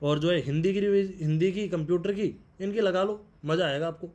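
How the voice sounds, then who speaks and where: A man's voice: high-pitched, a little fast, darkish tone, lo-fi sound. A young man talking casually and directly to viewers, giving exam advice and often repeating his points like an older brother. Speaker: exam prep vlogger.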